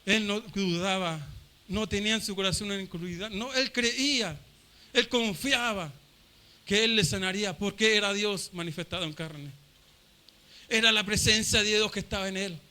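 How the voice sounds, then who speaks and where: Guy preaching hard at a pentecostal service, high bright voice, keeps repeating himself. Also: normal speed. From Chile. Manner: fervent, repeats phrases, acts out shouting crowd voices. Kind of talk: Pentecostal sermon.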